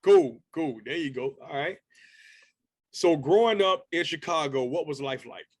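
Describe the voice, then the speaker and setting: A man's voice: fairly high pitch, big pitch swings, measured pace, creaky, a little mellow, no echo, clean studio sound. A man in his thirties hosting a casual interview over a video call, upbeat and chatty with a slangy manner. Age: 30s. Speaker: interview host.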